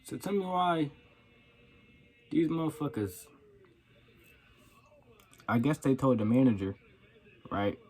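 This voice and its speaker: A man's voice: mid-range voice, sing-song, takes it slowly, long pauses, a little mellow, slight background noise. A young man telling a profane, slangy story about his coworkers in a casual rant. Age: young adult. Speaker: vlogger.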